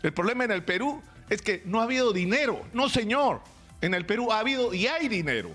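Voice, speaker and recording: An older Peruvian-accented man delivers forceful live commentary from a small radio studio, speaking close into a stand mic. His voice sits high for a man, and he presses his points with rhetorical questions. Faint music plays underneath. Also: big pitch swings, fairly quick. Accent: Peruvian Spanish. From Peru. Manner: emphatic, gesturing, rhetorical questions.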